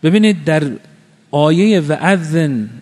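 A man's voice: on the high side, a little mellow. A man preaching a religious sermon with fervor, asking rhetorical questions and chanting quoted Arabic verses. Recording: long reverb of a hall.

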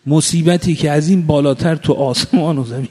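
A man's voice: fairly high pitch, a little mellow, breathy edge. A man preaching a religious sermon with fervor, asking rhetorical questions and chanting quoted Arabic verses. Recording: long reverb of a hall.

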